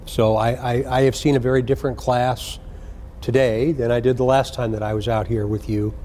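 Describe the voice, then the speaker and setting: A man, a senior police official, gives an earnest, deliberate address to recruits, repeating key phrases for emphasis. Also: medium pitch, little pitch movement, warm tone, slight background noise.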